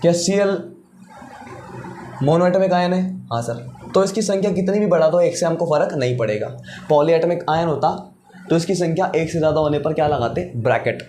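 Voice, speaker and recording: A man with a slightly high voice teaching chemistry. He walks through every step, asks questions and answers them himself, and repeats the key rules. A faint hiss sits behind him. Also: brisk, warm tone. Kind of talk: classroom-style lecture.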